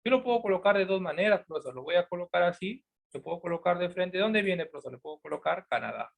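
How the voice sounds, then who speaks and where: A man teaching an English lesson, reading phrases slowly and then asking and answering his own questions. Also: high-pitched, animated, vocal fry. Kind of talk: explaining a lesson.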